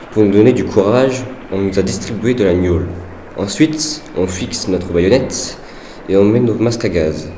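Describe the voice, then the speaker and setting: A man giving an earnest, measured dramatized reading of a wartime letter. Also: lowish voice, dark tone, slight background noise. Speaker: reader of a soldier's letter. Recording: echoey room with faint background ambience.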